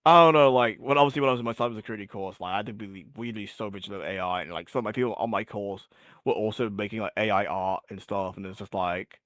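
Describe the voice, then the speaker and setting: A man's voice: fairly low pitch, fast talker, fairly bright tone, no room sound, clean studio sound. A man as an interview guest, chatting casually and rambling with lots of filler words, his voice getting worn. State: losing his voice. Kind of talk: casual chat.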